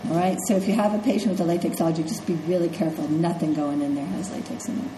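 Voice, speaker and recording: Very fast and pitched on the low side, a congested middle-aged woman delivers a conversational nursing lecture, repeatedly asking her students "okay?" and "right?" The background is noisy, and the classroom echoes with faint ambience.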